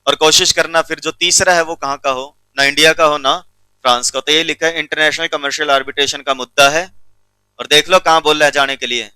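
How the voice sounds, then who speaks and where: A man's voice: a little high, steady tone, fairly quick, sharp tone, clear, resonant tone, dry recording, rough recording. A male teacher giving a classroom law lecture, keeps checking whether students follow and teases them sternly.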